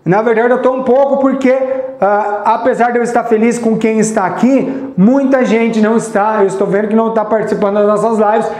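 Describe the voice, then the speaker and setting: A Brazilian man teaching English on a live stream, chatty and encouraging, slowly repeating example phrases. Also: high-pitched, steady tone, darkish tone, reverberant. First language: Portuguese. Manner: sings snippets of songs to teach. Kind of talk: live online English lesson.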